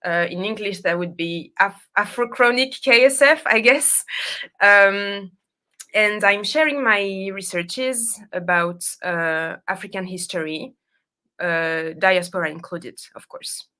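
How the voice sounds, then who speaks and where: Woman, French accent, native French speaker, bright tense voice, hesitant English, interview guest. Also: medium pitch, slow. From France. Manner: hesitant, searching for English words.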